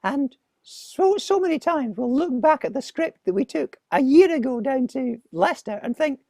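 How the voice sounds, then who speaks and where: A man voicing a goofy, chatty Scottish sock puppet comedian in a muffled falsetto, in casual interview chat. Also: animated, normal speed, gravelly, mellow, dry recording, studio quality, heavily acted. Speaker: guest comedian.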